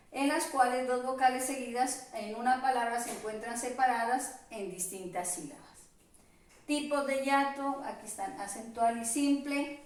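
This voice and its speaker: A woman teacher giving a virtual class, spelling out examples slowly and carefully. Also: a little high, recorded from a distance. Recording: echoey room, voice off-mic.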